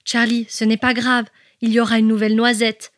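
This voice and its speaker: Woman playing the kind older squirrel sister in a storybook; warm-hearted, reassuring, fairly high voice, dry sound. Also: monotone, brisk, dry recording, lightly acted. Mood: comforting. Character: caring big sister squirrel, gentle and encouraging. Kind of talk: storybook character voice.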